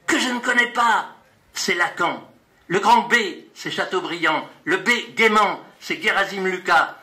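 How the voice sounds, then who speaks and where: A man's voice: high-pitched, vocal fry, pushed and bright. A man introducing and then reading his own poem aloud at a live poetry evening, in a rhythmic, playful, list-like delivery. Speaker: poet reading his work. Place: gallery at an evening event.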